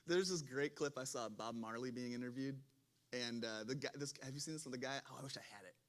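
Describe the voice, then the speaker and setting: A man leading a relaxed Bible discussion as pastor, chatty, laughing and breaking off mid-sentence. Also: medium pitch, fast. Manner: chatty, self-interrupting, laughs often. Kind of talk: conversational Bible study talk.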